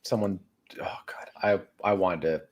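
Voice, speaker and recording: A man's voice: deep voice, fairly even intonation, normal speed. A man co-hosting a casual podcast chat, joking around and riffing on old movie lines. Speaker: podcast co-host.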